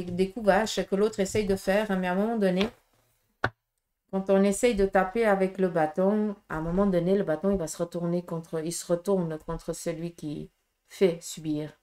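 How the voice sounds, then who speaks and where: A woman's voice: medium pitch, a little mellow, a little hiss or hum. A Swiss French woman gives a casual tarot reading, speaking straight to her viewers. She is frank and direct, leaning on fillers and asking "okay?" often. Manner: direct, frank, many fillers and tag questions. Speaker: tarot reader.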